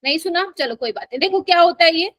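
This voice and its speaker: A woman's voice: very high voice, animated, fast, dry recording, highs cut off. A woman teaching a live chemistry class, coaxing and quizzing her students as she explains. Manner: coaxing, keeps quizzing students and calling them "my child".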